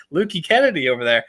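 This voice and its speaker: A man with a high, bright voice co-hosting a casual sports betting podcast. His pitch leaps around lively as he jokes and teases the other hosts. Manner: joking, teasing banter. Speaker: podcast co-host.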